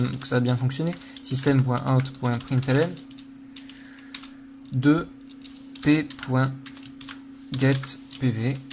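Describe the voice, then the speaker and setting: A man's voice: medium pitch, a little hiss or hum. Man thinking aloud while coding. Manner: thinks aloud with many fillers, self-deprecating. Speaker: programming tutor. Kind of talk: casual screen-recorded coding lesson.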